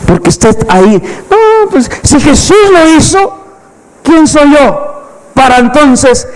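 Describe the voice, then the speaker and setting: A pastor delivers an emphatic evangelistic sermon and keeps putting questions to his listeners. His voice sits high for a man. The sound carries a long reverb, as in a large hall. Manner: emphatic preaching with rhetorical questions to the congregation.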